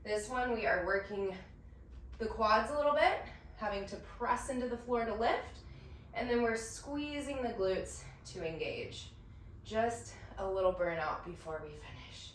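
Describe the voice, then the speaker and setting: A woman's voice: mid-range voice, measured pace, far from the mic, slight background noise. A woman leading a pilates workout, cheering and counting reps while out of breath. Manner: upbeat coaching with counting and cheers. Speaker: pilates instructor. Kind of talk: cueing a workout class. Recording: roomy echo, voice from off the mic.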